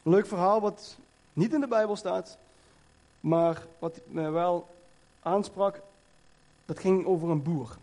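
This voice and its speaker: Male preacher in a church, chatty storytelling sermon, lots of fillers, highish voice, mellow tone. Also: slow pace, pauses often. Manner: conversational storytelling with many fillers.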